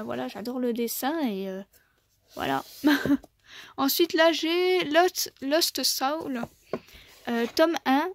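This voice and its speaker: A woman's voice: fairly high pitch, dry recording. A young woman casually showing her manga collection, chatting with many fillers and small laughs.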